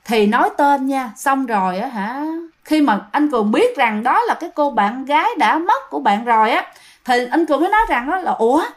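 A woman's voice: high-pitched, animated, fairly quick. Chatty Southern Vietnamese woman storyteller. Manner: chatty, addresses listeners directly. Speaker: ghost story narrator. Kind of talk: casual storytelling to listeners.

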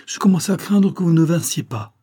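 A man reading aloud voices an impatient, jealous young Parisian gentleman of about twenty-five, agitated and pleading. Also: a little high, expressive, moderate pace, breathy edge, voice pushed up.

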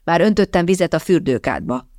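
A woman's voice: fairly low pitch, expressive, darkish tone, no echo, studio quality, lightly acted. A woman voicing a stern older aunt who keeps house, scolding and giving firm commands.

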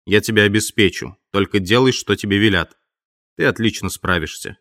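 A man's voice: fairly low pitch, moderate pace, a bit bright, no echo, studio quality. A man voicing a menacing invisible man who gives curt, threatening commands, in an audiobook.

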